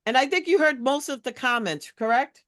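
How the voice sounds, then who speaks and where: A woman's voice: sits high, lively intonation, fairly quick, a bit bright, no room sound, clean studio sound. A woman leading a community board committee meeting over a video call, recapping matter-of-factly in a loose, conversational way.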